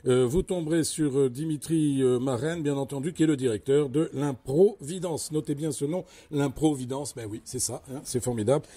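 A man's voice: medium pitch, normal speed, hardly any pauses, warm tone. A man hosting a chatty radio interview, effusive and joking, heaping praise on his guest. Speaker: radio host.

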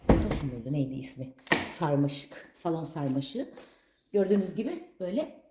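Sharp-tongued woman vlogging outdoors. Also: sits low, very animated, normal speed, noisy background. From Turkey. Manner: sharp-tongued and indignant, then chatty. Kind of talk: casual vlog chat while gardening. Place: home garden outdoors.

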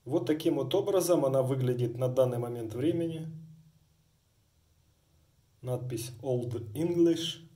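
Indoors at a workbench, a middle-aged razor sharpener demonstrates a honed razor by hand. His mid-range voice is mellow and unhurried, with long pauses, and his speech is wordy and formal, thick with hedges and asides.

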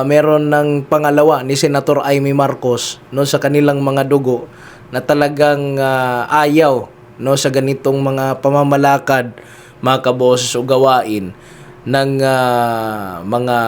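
A man's voice: mid-range voice, flat delivery, unhurried, clear, resonant tone. A man hosting political commentary, talking to his listeners directly and tagging his sentences with "no?" and "di ba?". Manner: keeps addressing listeners, heavy "no?" and "di ba?" tags.

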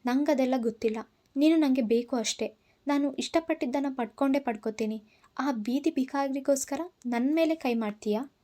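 A woman's voice: high voice, moderate pace, dark tone, lightly acted. A woman voicing a spoiled, obsessive young woman who talks back in a defiant, taunting way, in a storybook reading.

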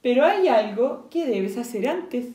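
A woman voicing a small, frightened but clever piglet in a read-aloud storybook, with high squealing pleas. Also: lively intonation, a little slow, dark tone. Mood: coaxing. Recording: echoey room.

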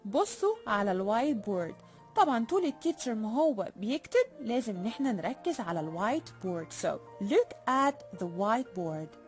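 A young woman with an Egyptian Arabic accent teaching a children's English lesson, saying English phrases slowly and explaining quickly in Arabic. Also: a little high, very animated, soft background music.

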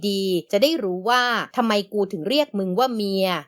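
A woman doing a blunt deadpan young man. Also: high voice, normal speed, no room sound, clean studio sound. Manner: flat, blunt and crude.

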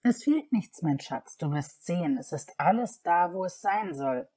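A woman voicing a loving old grandmother in an audiobook, soft and husky. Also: lowish voice, expressive, unhurried. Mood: tender.

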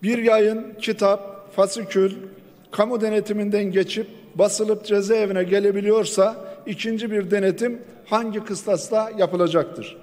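A man speaking at a rostrum microphone in a parliament chamber, delivering a measured, formal speech. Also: high-pitched, fairly even intonation, darkish tone. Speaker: member of parliament giving a speech. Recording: long reverb of a large chamber.

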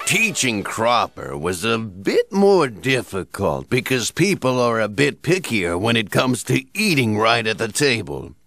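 Slow, expressive male storybook narrator. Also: medium pitch, gravelly, no echo. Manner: gentle, measured storytelling. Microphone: studio voice-over. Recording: music bed under the voice.

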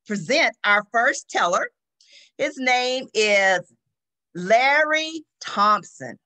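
A woman's voice: on the high side, bright, forceful tone. A woman in her sixties giving a formal introduction as host on a video call. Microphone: video call on a computer.

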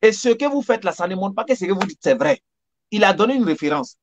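A woman's voice: mid-range voice, lively intonation, fast, slight background noise. A woman moderating a debate, firm as she pleads for order and keeps things moving. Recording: dull lo-fi sound.

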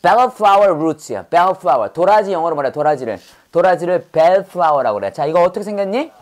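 Low-voiced woman drilling English vocabulary. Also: lively intonation, darkish tone. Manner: brisk, repetitive drilling with quick questions. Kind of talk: call-and-response vocabulary drill lesson.

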